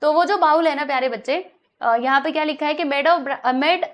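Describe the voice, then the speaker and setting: High-voiced woman teaching maths. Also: muffled recording. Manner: coaxing, asks the class questions and answers them herself; slows down to read the English problem text aloud. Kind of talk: whiteboard maths lesson.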